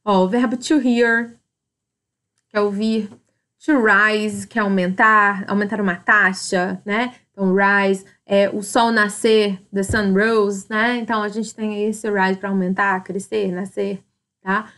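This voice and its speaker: A woman's voice: mid-range voice, flat delivery, unhurried, a bit bright. A woman, teaching a casual grammar review and often checking with her students. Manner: casual, repeats "tá?" and "ó" to check understanding. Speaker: English teacher. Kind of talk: recorded classroom grammar review.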